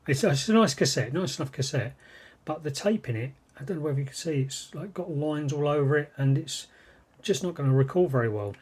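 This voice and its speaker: A British vlogger casually chats his way through some vintage cassette gear, wandering from thought to thought without a script. The voice is medium in pitch against slight background noise.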